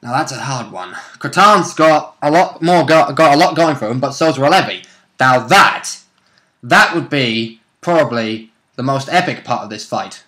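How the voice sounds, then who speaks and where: In a mid-range voice with lively intonation, a man offers speculative commentary as a player and co-commentator, his tone pushed and bright at a normal speed. The chat is informal, occasionally sweary, and full of hedged guesses.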